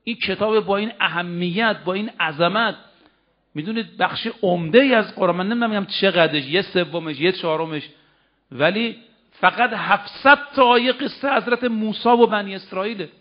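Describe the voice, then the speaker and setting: A man preaching a sermon, asking the audience questions and reciting verses slowly. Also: sits high. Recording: dull lo-fi recording.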